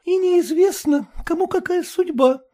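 A woman's voice: extremely high pitch, a little slow, mellow, pitched above the performer's own voice. A reader voicing a sulky, whiny young daughter grumbling at her mother.

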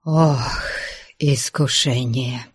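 A man reading aloud, voicing a timid, pious young man who sighs and speaks softly. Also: on the high side, animated, unhurried, dry recording, clean studio sound. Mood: sighing. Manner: sighing, half-whispered.

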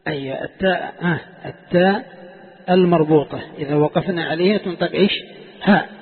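Man, religious teacher, quizzing students, dictating lines, husky voice, phone-thin sound, long reverb. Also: a little high, brisk. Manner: quizzes students with repeated questions, dictates sentences. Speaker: sheikh teaching Quranic exegesis. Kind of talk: classroom lecture with call-and-response questions. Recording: tinny lo-fi lecture recording, long hall reverb.

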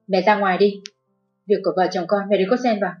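A woman voicing a protective young husband who speaks loud and firm to his parents in a narrated story. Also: fairly low pitch, fairly quick, lightly acted. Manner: firm, raised. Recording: dull lo-fi with faint music.

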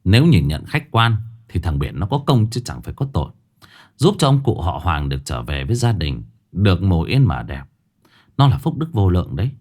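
A man's voice: low voice, sing-song, a little fast, a little mellow, voice pushed down. Man doing an earnest young villager. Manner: earnest, explaining.

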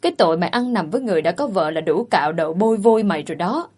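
A woman's voice: lowish voice, expressive, rapid-fire, darkish tone. A woman voicing an older, wealthy matriarch who speaks with cutting contempt. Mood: scornful. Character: older rich matriarch, scornful and sharp.

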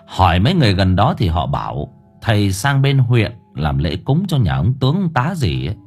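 A man narrating a ghost story in an expressive, lively storytelling manner. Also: lowish voice, a little fast, breathy edge, faint music behind. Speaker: audiobook narrator.

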